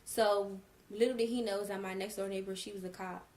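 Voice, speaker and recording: A young woman vlogger tells a personal story in a casual storytime style, speaking a little fast in a mid-range, darkish voice with a steady tone. She acts out quoted dialogue with emphasis, and there's a little hiss or hum.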